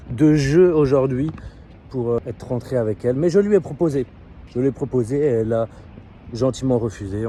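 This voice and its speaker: A man with a French accent tells a personal story to camera in a relaxed vlog, pausing often on fillers. His voice is mellow and warm, at an ordinary pitch for a man. He is recorded outdoors in a city, with faint street noise around him. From France. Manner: chatty, frequent filler hesitations. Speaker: seduction coach vlogger.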